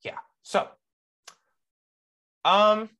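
A man's voice: extremely slow, pushed and bright. A young man co-hosting a casual podcast, rambling and gushing with frequent laughs. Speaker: podcast co-host.

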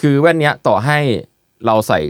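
A man hosting a casual podcast chat, explaining product details in a relaxed way with many fillers. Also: on the high side, fairly quick, smooth, no echo, clean studio sound. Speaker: podcast host presenting eyewear.

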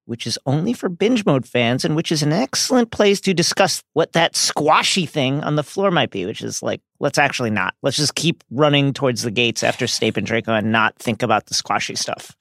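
Highly animated man co-hosting a podcast. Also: fairly quick, creaky, hardly any pauses, dry recording, studio quality. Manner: playful, theatrical. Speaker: podcast co-host. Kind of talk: scripted podcast intro and recap with comic asides.

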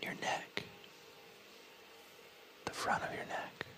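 A man whispering as an ASMR host, leading a guided body scan with soft, soothing instructions and the odd casual aside. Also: slow pace.

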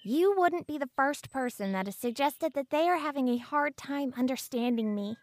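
A woman's voice: sits high, expressive, moderate pace. A woman playing a pompous, coldly menacing fourteen-year-old girl who speaks in an overly formal, wordy and condescending way. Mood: smug, menacing. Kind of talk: audio drama acting.

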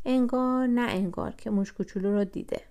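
A woman narrating a children's storybook in a soft voice that often drops into a whisper. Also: medium pitch.

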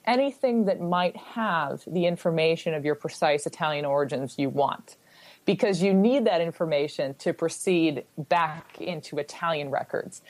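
Low-voiced woman explaining genealogy. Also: darkish tone, no room sound. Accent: Boston-area American. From United States. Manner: explanatory, acts out little quoted exchanges. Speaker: genealogy expert guest. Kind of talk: casual interview answers.

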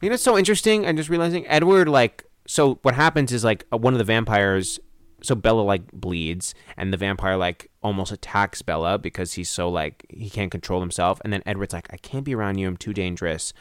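Chatty young male host, dramatic, laughs a lot; smooth, close, dry sound. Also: lowish voice, a little fast, no room sound. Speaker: podcast host. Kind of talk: casual chat.

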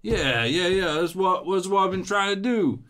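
A man's voice: sits high, animated, normal speed, fairly bright tone, pitched above the performer's own voice. Dazed, stammering adventurer hero in a tabletop game, voiced by a man. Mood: stammering earnest.

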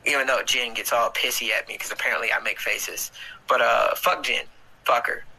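Sharp-voiced, joking livestream host man. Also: mid-range voice, steady tone, moderate pace, creaky, low-quality recording. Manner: joking, profane banter. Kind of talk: casual chat. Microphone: video call.

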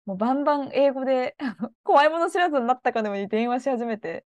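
Expressive woman co-host, lively pitch swings, dry close sound, frequent laughter. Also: fast, no echo, muffled recording. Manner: expressive, laughs often while telling stories. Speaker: podcast co-host. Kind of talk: casual chat.

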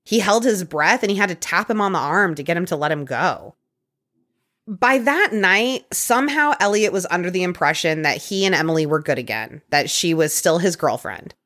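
A woman hosting a podcast, casually recounting a true-crime case with quick conversational asides. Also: lowish voice, expressive, a bit bright. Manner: conversational, quick asides, occasional put-on quotes. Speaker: podcast host telling a case.

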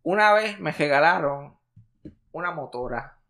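A man in his thirties with a Puerto Rican accent, co-hosting a casual chat, animated and profane, tossing English words into his talk. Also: fairly high pitch, measured pace. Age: 30s. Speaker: podcast co-host.

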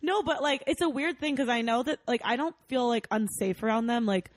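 A woman's voice: on the high side, fairly quick, no room sound. A woman co-hosting a loose comedy podcast, giggly and playful, laughing often as she chats. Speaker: podcast co-host.

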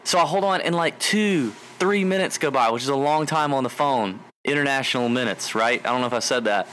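A man hosting a casual podcast, telling a story in an animated way and laughing often. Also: medium pitch, a little fast. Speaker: podcast host. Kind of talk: casual chat.

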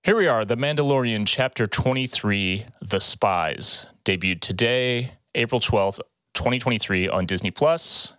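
A man's voice: mid-range voice, a little slow, fairly bright tone, clean tone, no echo, studio quality. A man speaking as a podcast host, with upbeat announcements and casual chat.

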